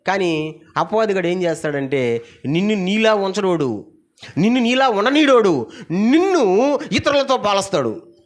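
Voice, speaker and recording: A middle-aged man preaching a Sunday sermon, calling out to the congregation for responses, firing off rhetorical questions and swinging between loud exclamations and low asides. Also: sing-song, normal speed, pauses often. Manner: asks the audience many rhetorical questions. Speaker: pastor.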